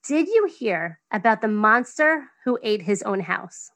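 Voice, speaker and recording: A woman with a New York accent hosting a podcast interview, effusive and quick to laugh. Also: mid-range voice, very animated, fairly bright tone. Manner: bubbly, effusive, laughs often. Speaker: podcast host. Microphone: video call.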